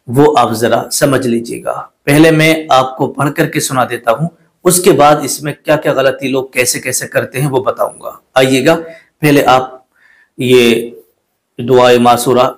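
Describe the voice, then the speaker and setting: A man of ordinary pitch explains a prayer in measured, courteous with a lilt. He speaks as a patient religious teacher addressing viewers. Now and then he slows down to repeat a word and correct how it is pronounced. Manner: recites the Arabic prayer slowly in a melodic chant. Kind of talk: religious instruction to camera.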